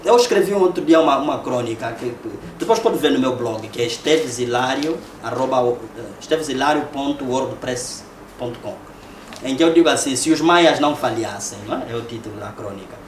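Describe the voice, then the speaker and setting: Talking a little fast in a mid-range voice, an Angolan man with a Portuguese accent gives a conversational public lecture peppered with rhetorical tag questions. The sound is noisy and echoey, picked up from a distance.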